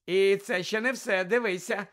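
A man's voice: high-pitched, steady tone, moderate pace, fairly bright tone, voice pushed up. A man voicing a spoiled, mocking teenage boy wizard who taunts others, in an audiobook. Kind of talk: audiobook character voice.

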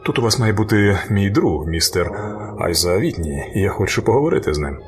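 An actor playing a kind male doctor in a radio play, speaking in a gentle, earnest, polite way. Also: lowish voice, expressive, a little fast, over music, lightly acted.

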